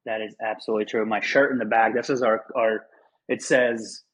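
A man's voice: fairly low pitch, fairly even intonation, a little fast, breathy edge, poor audio. A man from Afghanistan hosting a podcast interview, friendly and a bit rambling, with frequent mm-hmms. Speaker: podcast host. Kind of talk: casual interview chat.

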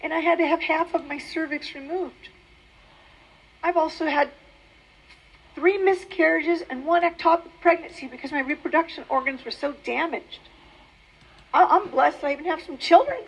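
A woman giving an earnest, emotional personal testimony, speaking haltingly with many restarts. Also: high-pitched, poor audio. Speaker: former adult-film performer giving a testimony.

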